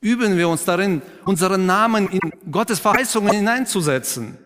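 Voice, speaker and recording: A man preaching a sermon who questions the congregation, affirms their answers, and drops to a quiet, emphatic tone for key points. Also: sits high, animated, normal speed. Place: church. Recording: long reverb of a church hall.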